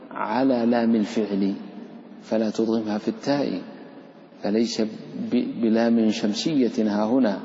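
Brief: male sheikh, gravelly dark voice, recitation lesson in a reverberant, dull-sounding hall. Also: medium pitch, slight background noise. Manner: stretches out example words, asks students questions. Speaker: sheikh teaching Quran recitation rules. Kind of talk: classroom explanation of tajweed verses. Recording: roomy, echoey lo-fi hall recording.

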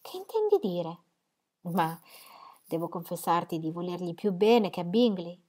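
A woman voicing a lively young woman confiding her engagement, frank and earnest. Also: on the low side, unhurried. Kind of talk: audiobook character reading.

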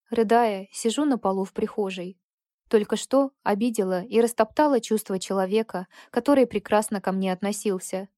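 A woman reads a first-person story aloud in a measured, intimate way. Her voice is mellow and warm, recorded close with a dry sound and no room echo. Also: medium pitch. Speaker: audiobook narrator.

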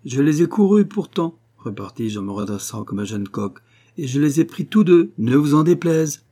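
A man's voice: lowish voice, monotone, brisk, vocal fry, darkish tone, slightly rough. A man reading aloud, voicing a brash, tipsy young clerk who boasts at a dinner table. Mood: boastful. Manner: cocky, swaggering.

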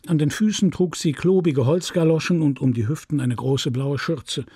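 A man reading a classic novel aloud as an audiobook narrator, measured and expressive. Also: on the high side, husky, no echo. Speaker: audiobook reader.

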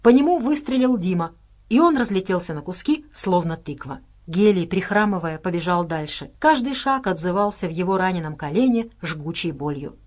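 A woman narrating an audiobook in an even, measured reading style. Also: lowish voice. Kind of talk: scripted narration.

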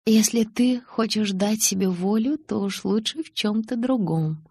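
A woman's voice: mid-range voice, a little slow, a little mellow, slightly rough, dry recording, clean studio sound, pitched above the performer's own voice. A woman reading an eager teenage girl. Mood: earnest curious. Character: teenage girl, curious, earnest, anxious. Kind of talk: audiobook character reading.

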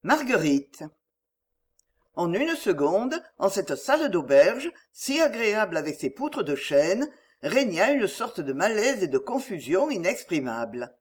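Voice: mid-range voice, very animated, unhurried, slightly rough. An audiobook reader narrating a classic novel expressively, voicing each character.

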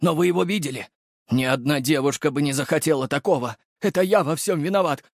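A man's voice: a little high, fast, no room sound, studio quality, lightly acted. A man voicing a meek middle-aged alchemist and father who pleads and rages emotionally. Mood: pleading.

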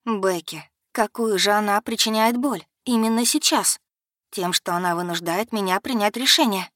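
A woman reading a first-person novel aloud in a measured, expressive manner. Her voice sits in a middle range and is recorded close and dry, with no room sound. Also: mid-range voice, no echo. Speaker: audiobook narrator. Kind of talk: scripted first-person narration.

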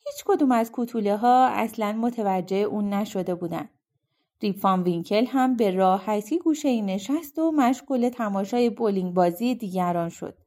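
A woman reading an audiobook of folk tales aloud, in a lively, expressive storybook style. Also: medium pitch. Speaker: audiobook reader. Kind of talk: storybook narration.

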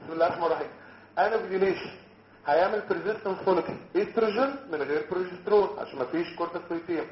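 A man's voice: high-pitched, racing, a little hiss or hum. A man with an Egyptian Arabic accent teaching medical students, joking and quizzing them as he mixes in English terms. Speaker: medical lecturer. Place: lecture hall. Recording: roomy, muffled lecture hall recording.

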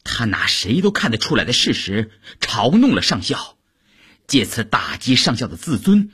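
A jealous male officer who sneers at a rival, his husky voice jumping up in agitation, as a man reads him in an audiobook. His pitch lurches widely from word to word. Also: very animated, normal speed, fairly bright tone, full character voice. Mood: sneering.

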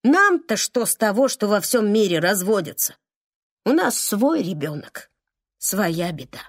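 A woman's voice: medium pitch, sing-song, unhurried, breathy edge, dry recording, full character voice. A woman voicing a bossy, stern grandmother over sixty in a storybook reading, speaking in a commanding, dry way.

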